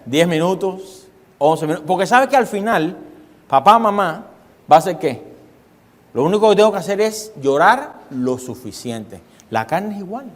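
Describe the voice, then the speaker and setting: A man's voice: high-pitched, expressive, normal speed, long reverb tail. A male pastor preaching a sermon, emphatic, repeating phrases for stress and firing rhetorical questions at his congregation.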